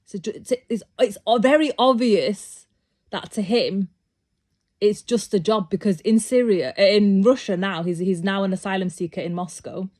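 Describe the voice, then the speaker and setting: Talking casually to camera, a woman from Britain rambles through her opinions with plenty of restarts, her argument turning emphatic and insistent. She has a medium-pitched, darkish voice and speaks at a normal speed.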